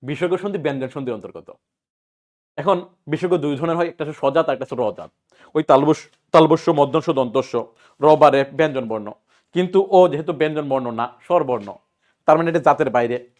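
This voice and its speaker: A male teacher with a Bangladeshi Bengali accent, running an exam-prep grammar lesson and drilling students with repeated questions and answers in brisk, colloquial speech. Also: a little high, darkish tone.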